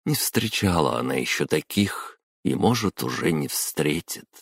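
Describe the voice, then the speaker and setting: Man reading an audiobook, super deep voice, dry close mic. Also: animated, unhurried, gravelly, slightly rough, no echo. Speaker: narrator. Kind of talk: audiobook narration.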